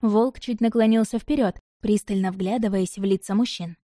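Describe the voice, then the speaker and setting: A woman narrates a first-person audiobook, even and measured. Her voice is mellow and warm-toned, recorded dry and close. Her pitch sits in a middle range. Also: no echo.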